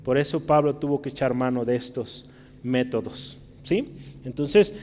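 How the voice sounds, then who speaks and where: A man's voice: mid-range voice, moderate pace, darkish tone, big-room sound, a little hiss or hum. A man with a Mexican Spanish accent preaching a conversational sermon, often checking in with his listeners. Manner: conversational teaching, frequent tag questions.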